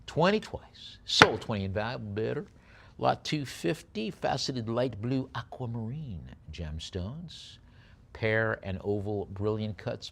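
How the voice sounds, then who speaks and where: With a medium-pitched, fairly bright voice and slight background noise, this auctioneer at a live sale alternates a fast, repeated bid chant with leisurely item descriptions.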